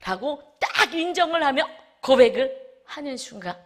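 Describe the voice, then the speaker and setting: A woman pastor delivers a Sunday sermon with a highly animated voice that swoops up and down. She presses her points hard, then drops into quiet, hushed asides before rising again. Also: moderate pace. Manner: emphatic, swinging from loud exclamations to soft hushed asides.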